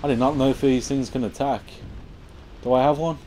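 A young man giving casual let's-play commentary on his game, sarcastic and swearing, with sudden loud outbursts at the game. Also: medium pitch, steady tone, a little fast. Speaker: gameplay commentator.

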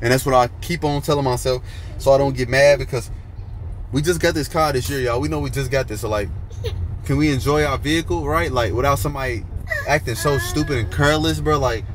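A young man talking fast and straight to his viewers in a casual vlog, outdoors by a car. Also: mid-range voice, a little hiss or hum. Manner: fast, talks straight to viewers, calls them y'all. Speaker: vlogger.

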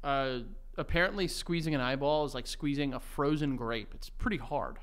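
A man's voice: medium pitch, moderate pace, a bit bright, clear, resonant tone. A young man co-hosting a podcast, teasing and crude in casual banter, laughing often. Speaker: podcast co-host.

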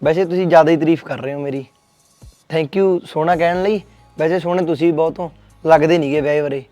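A man's voice: a little high, fast, no echo, soft background music, natural voice. A man acting an employer who flirts with his housemaid in a short drama film. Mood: flirtatious. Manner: flattering, flirtatious. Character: flirting male employer, smooth talker.

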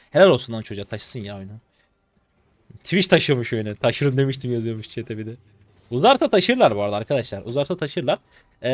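Lively young Turkish streamer, dry close mic. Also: male voice, mid-range voice, dry recording. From Turkey. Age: 20s. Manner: excitable, chatty, talks to chat, bursts of laughter and teasing. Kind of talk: live gameplay commentary.

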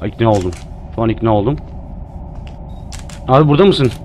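A man's voice: on the low side, brisk, a little mellow, a little hiss or hum. Jumpy, joking man streaming a horror game. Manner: jumpy, jokey, cursing at the game. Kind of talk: live gameplay commentary.

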